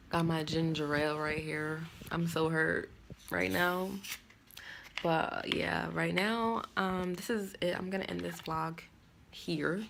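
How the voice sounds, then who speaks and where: Young woman, casual vlogger, candid storyteller; low, gravelly delivery over faint room noise. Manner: candid, storytelling, animated when quoting others. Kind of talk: casual vlog talk.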